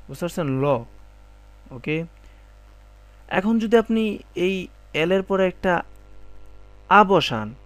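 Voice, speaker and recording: A man with a somewhat high voice teaches French pronunciation. He speaks each French phrase slowly and deliberately, then explains it plainly. He often stops to ask whether his listeners understand. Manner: often checks understanding with "ঠিক আছে?" and "d'accord?". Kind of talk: spoken language lesson.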